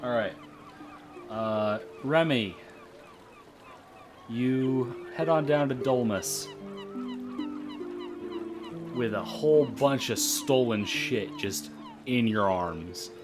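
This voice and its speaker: A man's voice: medium pitch, animated, music in the background. A man running a tabletop game as game master, hesitant and full of fillers. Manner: slow, halting, many fillers.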